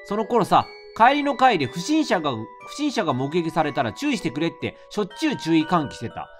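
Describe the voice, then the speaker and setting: A man's voice: a little high, wildly swooping pitch, a little fast, over music. A man reading as a girl recalling a childhood scare. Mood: calm recounting. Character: schoolgirl recalling a childhood encounter. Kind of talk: reading a horror novel aloud.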